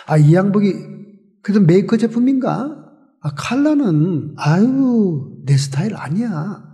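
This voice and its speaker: A man's voice: high-pitched, big pitch swings, unhurried, dark tone, long reverb tail, full character voice. A pastor voicing a humble poor young man. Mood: gentle.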